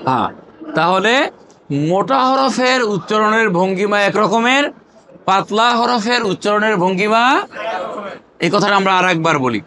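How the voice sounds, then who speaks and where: A man from Bangladesh teaches Quran recitation to a class in call-and-response style, asking questions again and again, prompting the group to answer aloud and drilling terms through chanted repetition. His voice sits high, bright and forceful, at a moderate pace with long pauses.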